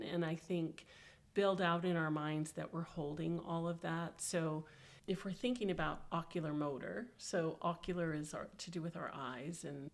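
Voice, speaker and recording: A woman's voice: low-pitched, creaky. A woman, an occupational therapist co-hosting a podcast, talking in long, reflective, winding sentences. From United States. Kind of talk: casual podcast discussion.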